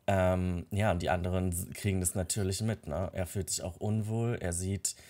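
Low-voiced man commenting on gameplay. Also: steady tone, normal speed, warm tone. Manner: narrates the characters' thoughts and talk in his own voice, with frequent fillers. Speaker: Let's Play host.

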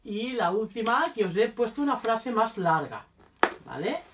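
A woman giving a casual video lesson, repeating phrases carefully for viewers and chatting in quick asides while she handles her cards. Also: a little high, very animated, noisy background. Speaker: language teacher.

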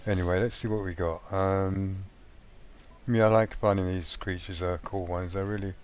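A man talking through a survival game in a casual let's play, rambling and thinking out loud with plenty of ums. His voice sits on the low side. A faint hum runs underneath. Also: steady tone, normal speed. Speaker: gaming channel host.

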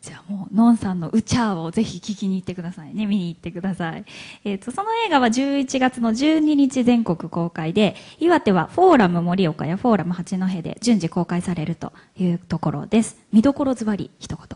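Chatty, husky woman MC. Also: mid-range voice, animated, brisk, hardly any pauses, darkish tone. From Hiroshima, Japan. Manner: chatty, laughs often, many fillers. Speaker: event MC and interviewer. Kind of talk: live stage interview. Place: event hall stage.

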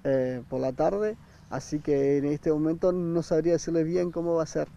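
A man, a campground manager speaking haltingly in an outdoor interview. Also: fairly high pitch, steady tone, creaky, dark tone. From Argentina. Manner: hesitant, many fillers and restarts. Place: outdoor park by a river. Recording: dull sound, faint outdoor noise.

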